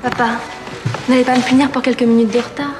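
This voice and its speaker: An actress playing a proud, witty young aristocratic woman in a period film, haughty and quick with sharp retorts. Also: a little high, level tone, over music, lightly acted. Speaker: Mathilde, the marquis's daughter.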